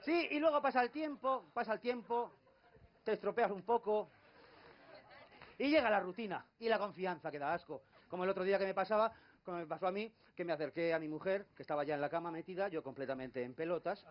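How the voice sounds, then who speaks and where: A man's voice: sits high, fairly quick, highs cut off, slight background noise. A man with a Spanish accent telling wry comic stories in a stand-up routine on a club stage. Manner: wry storytelling. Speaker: comedy duo host.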